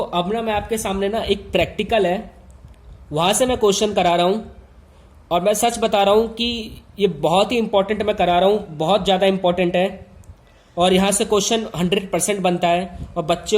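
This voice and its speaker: High-voiced man teaching casually. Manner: repetitive, emphatic, addresses students directly. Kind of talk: informal classroom lesson.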